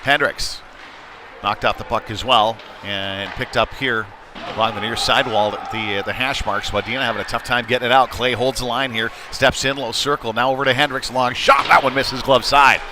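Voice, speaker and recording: At an indoor ice hockey rink, a man calls live play-by-play of a youth hockey game in a conversational, somewhat hesitant manner. His mid-range voice holds fairly even intonation at a normal speed, and noisy rink ambience comes through clearly.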